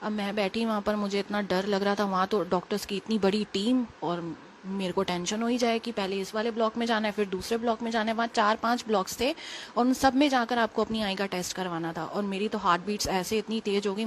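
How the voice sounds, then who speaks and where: A young woman, a little unwell, telling a personal story in quick, rambling, casual talk full of fillers. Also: mid-range voice, a little hiss or hum. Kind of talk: casual spoken testimony.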